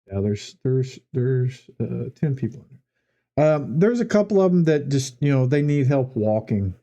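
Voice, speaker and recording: A man with a very dark, mellow voice narrates a tabletop game as its game master. He sets each scene loosely and conversationally, his pitch sitting in an ordinary middle range. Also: very animated, moderate pace, dull audio.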